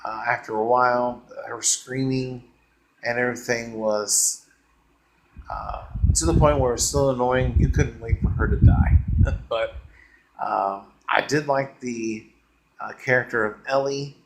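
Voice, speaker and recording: A man hosting a movie review channel, giving a casual unscripted review in a rambling, halting way with many fillers and easygoing enthusiasm. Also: medium pitch, fairly even intonation, low-quality recording.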